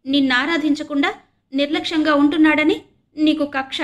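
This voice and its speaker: A woman's voice: a little high, flat delivery, unhurried, lightly acted. A woman voicing a tender crippled teenage boy who pleads through tears, in a storybook reading. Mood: tearful protest. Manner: pleading, tearful.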